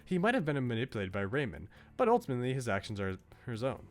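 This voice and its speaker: This man voices the same kind of visual novel character, a bookish student who is articulate, philosophical and politely opinionated. His mid-range delivery is fast, with pitch that swoops wildly, and the mood is musing and conceding. Music plays underneath.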